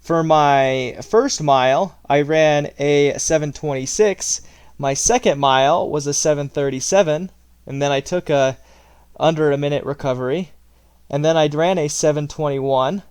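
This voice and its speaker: A man giving a vlog-style training recap, reading out stats in a matter-of-fact, somewhat halting way. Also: a little high, a little mellow, clean tone. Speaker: running vlogger.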